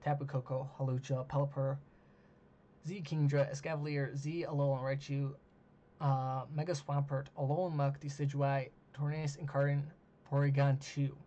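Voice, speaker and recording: A man hosting a solo monologue, talking casually with many ums and uhs, losing his voice and clearing his throat. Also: medium pitch, flat delivery, normal speed, warm tone. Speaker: host. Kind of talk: solo monologue ranking teams. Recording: dull lo-fi mic with faint hiss.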